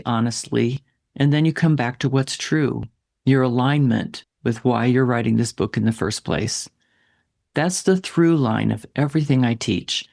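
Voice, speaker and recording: A man hosting a solo podcast as a writing coach, talking to the listener in a gentle, reassuring way. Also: mid-range voice, creaky, no echo, clean studio sound.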